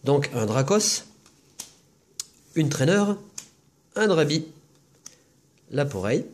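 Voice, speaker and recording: A man's voice: a little high, very animated. A man hosting a casual video, chatting as he lists each trading card he opens and comments on it. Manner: chatty, listing cards with quick comments. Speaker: host opening trading card packs.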